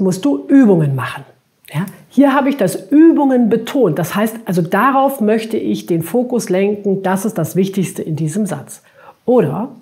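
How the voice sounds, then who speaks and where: A woman with a somewhat high voice teaches pronunciation as a speech trainer. She speaks clearly and deliberately, stretching out sounds to demonstrate them. She talks to the viewer in a friendly, direct way. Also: darkish tone. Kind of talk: instructional video lesson.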